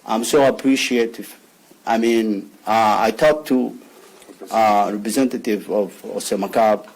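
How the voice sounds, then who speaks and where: A man from Somalia, speaking as a father at a press conference in halting English, often repeating words and restarting his sentences. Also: lowish voice, low-quality recording. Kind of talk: emotional press conference statement.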